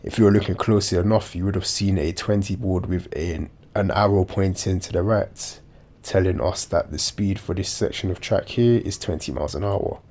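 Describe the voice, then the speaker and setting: Male game commentator, low-pitched, stuffed-up nasal delivery, dopey edge, explains procedures step by step. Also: moderate pace, darkish tone. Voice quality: nasal, blocked-nose congested sound. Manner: dopey-sounding, matter-of-fact explaining. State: congested with a blocked nose. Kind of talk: measured instructional gameplay commentary.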